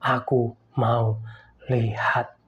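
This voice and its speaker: A male preacher voicing God as a gentle father, speaking low and quiet. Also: flat delivery, very slow, muffled recording, a little hiss or hum. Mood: tender.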